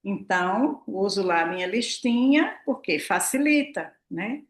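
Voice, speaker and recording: A woman's voice: medium pitch, unhurried. A woman, talking casually and expressively to her audience as a prosperity mentor, acting out her own remarks. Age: 60s. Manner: chatty, expressive, acts out her own quotes, tag questions. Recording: roomy echo.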